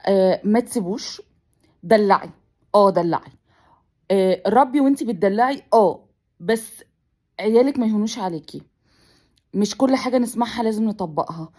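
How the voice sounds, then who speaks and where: A woman's voice: mid-range voice, lively intonation, brisk, pauses often, mellow. A mother with an Egyptian accent vlogging, tearful and pleading, crying on and off as she talks. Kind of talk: emotional personal vlog.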